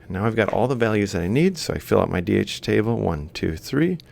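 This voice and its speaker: Fairly quick and marked by big pitch swings, his gravelly, darkish voice guides an informal robotics lecture. The man works an example while drawing, thinking aloud through each step and correcting himself as he goes, over faint background noise and a low rumble.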